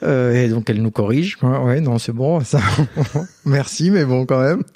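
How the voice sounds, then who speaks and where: A man chats as an interview guest, recounting family anecdotes with animated quoted voices. His voice sits at an ordinary middle pitch. The recording is very dry and close. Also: measured pace, no echo. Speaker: guest, entrepreneur and father. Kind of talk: casual interview storytelling.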